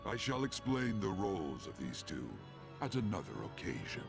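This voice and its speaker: An actor playing a sinister old master of a dream realm in a video game, with a possessed, demonic, gravelly voice and slow, formal, ominous speech. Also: male voice, low voice, sing-song, full character voice. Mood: calm, formal. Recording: music under the voice.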